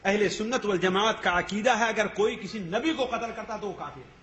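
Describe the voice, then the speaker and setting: Male preacher, very high voice, lecture style, asks and answers his own questions; roomy echo. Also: fairly bright tone. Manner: poses rhetorical questions and answers them himself. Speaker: Islamic preacher. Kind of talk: religious lecture. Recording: echoey room.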